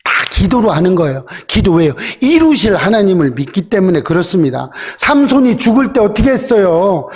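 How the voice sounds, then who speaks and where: A man's voice: high-pitched, a little mellow. A male pastor giving a conversational sermon, often asking the congregation rhetorical questions and briefly acting out quoted voices. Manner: acts out quoted voices in short dramatized asides.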